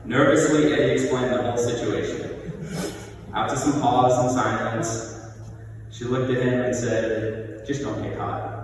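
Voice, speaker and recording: A middle-aged man delivers a prepared eulogy in a large, heavily reverberant church. He speaks at an average pitch, reminiscing in measured short phrases. The microphone sits at a distance, with clear noise around the voice. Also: steady tone. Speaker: son giving a eulogy. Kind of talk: prepared eulogy speech, read aloud. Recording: echoey church hall, distant mic, noisy.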